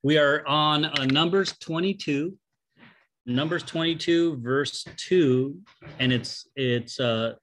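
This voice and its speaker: A man's voice: mid-range voice, fairly bright tone. A middle-aged man speaking conversationally as he leads a Bible study group, addressing people directly. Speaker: congregation leader teaching a Bible study. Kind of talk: informal greeting and study leading. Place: small office or classroom, indoors. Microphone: webcam video call microphone. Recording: clear background noise and clicks.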